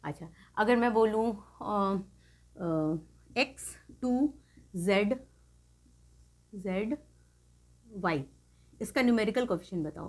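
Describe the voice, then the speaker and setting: Woman math tutor checking understanding. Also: on the high side. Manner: repeats checks like "clear?", lively emphasis. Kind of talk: explaining math lesson to students.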